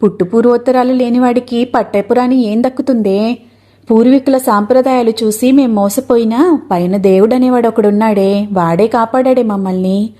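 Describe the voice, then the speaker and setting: A woman narrator voicing a spiteful village woman who curses and taunts loudly. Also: fairly even intonation, moderate pace, natural voice. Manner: shrill scolding, cursing.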